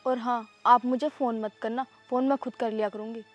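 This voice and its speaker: A woman's voice: on the high side, steady tone, brisk, soft background music, natural voice. An actress playing an anxious young village woman hiding a romance, with a pleading manner. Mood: worried.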